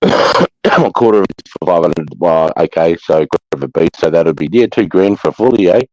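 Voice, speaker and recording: A man's voice: deep voice, expressive, brisk, darkish tone, no room sound. A man with an Australasian accent chatting casually in a blokey, slangy way, swearing freely. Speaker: host of a live chat. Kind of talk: casual chat. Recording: dull lo-fi sound.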